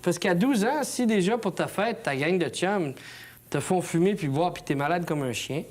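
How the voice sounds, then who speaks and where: A woman's voice: lowish voice, animated, moderate pace, a little mellow. A woman with a Quebec French accent, talking casually and persuasively about a play and laughing as she goes. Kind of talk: casual discussion.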